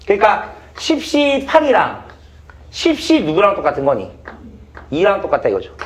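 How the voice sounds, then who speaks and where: A man's voice: high voice, wildly swooping pitch, normal speed, slight background noise. A male math teacher giving a classroom lecture, blunt and swearing casually as he quizzes students.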